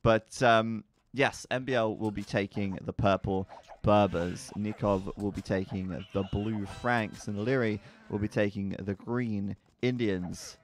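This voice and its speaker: A man casting an esports match live, chatty and quick to laugh. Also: on the low side, fairly even intonation, slight background noise. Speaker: esports caster. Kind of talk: live game commentary. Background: faint background music.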